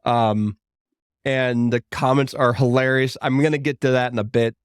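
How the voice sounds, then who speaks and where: A chatty, upbeat man in his thirties hosts a casual solo podcast from his home studio. He wanders into rambling asides and talks at a middling pitch. The sound is close and dry, with no room echo. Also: steady tone, moderate pace, clear, resonant tone. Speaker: podcast host.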